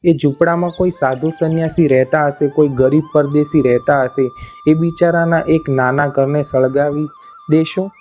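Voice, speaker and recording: A man reading the lines of a gentle young maidservant who pleads with compassion. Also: a little high, fairly even intonation, normal speed, lightly acted. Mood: pleading. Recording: dull lo-fi audio, faint music.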